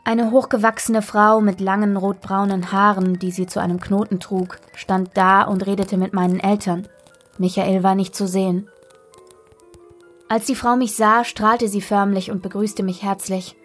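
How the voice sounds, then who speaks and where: A woman narrating a children's story in the first person, expressive and lively. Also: mid-range voice, normal speed. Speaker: audiobook reader. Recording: soft background music.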